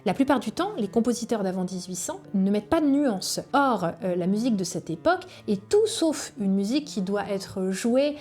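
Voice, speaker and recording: Mellow-voiced Frenchwoman explaining music. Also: medium pitch, normal speed, hardly any pauses. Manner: calm explanatory, sings rhythms on "ta". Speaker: cello teacher.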